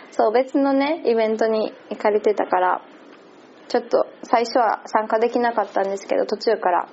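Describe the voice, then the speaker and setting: A woman with a Kansai accent talks in a relaxed, chatty way, laughing often between phrases. Her voice sits a little high. The recording sounds slightly muffled and lo-fi. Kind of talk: casual spoken recap.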